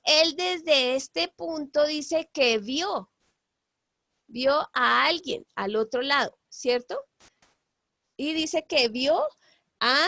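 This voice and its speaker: Woman teaching bible class online, kinda high and gravelly, lots of "eh" and sorry-while-drawing asides, dry sound. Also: fairly bright tone, dry recording. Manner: halting, many fillers, apologetic asides.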